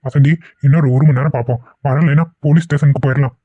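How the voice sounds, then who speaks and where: A man's voice: fairly high pitch, steady tone, fast, mellow, husky, dry recording, lo-fi sound. A man voicing a worried, impatient middle-aged father who scolds his wife, in a cartoon. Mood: worried, scolding. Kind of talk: cartoon voice acting.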